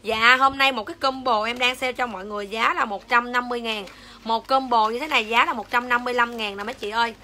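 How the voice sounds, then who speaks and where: A woman's voice: on the high side, steady tone, fast talker, pushed and bright, a little hiss or hum. A young woman with a Southern Vietnamese accent selling skincare on a livestream, switching between coaxing sales patter and foul-mouthed rants at commenters. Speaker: livestream seller.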